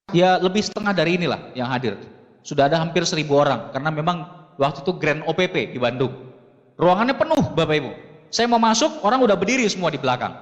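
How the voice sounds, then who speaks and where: A man in his thirties from Makassar giving an animated motivational talk from a seminar stage, turning to address the audience often. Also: fairly high pitch. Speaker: seminar speaker. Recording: long hall reverb.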